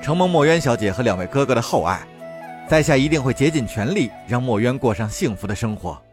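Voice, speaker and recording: A man's voice: mid-range voice, lively intonation, fairly quick, faint music behind, natural voice. A man voicing a modest, sincere young man who speaks courteously in a historical audio drama. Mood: heartfelt. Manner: courteous, warm-hearted.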